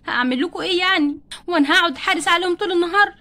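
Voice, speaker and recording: A woman's voice: very high-pitched, racing, sharp tone, exaggerated voice. A woman with an Egyptian accent voicing a mischievous teen girl who plots pranks and mutters to herself in a doll play story. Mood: defensive. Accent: Egyptian Arabic. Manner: plotting, talks to herself.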